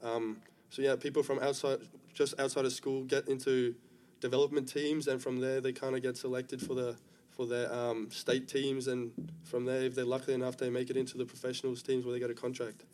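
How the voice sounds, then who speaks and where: A young man from Africa, answering interview questions in a relaxed, easygoing way. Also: mid-range voice, a little fast. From South Africa. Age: young adult. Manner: relaxed, easygoing, many fillers. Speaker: guest rugby player. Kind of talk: casual interview chat.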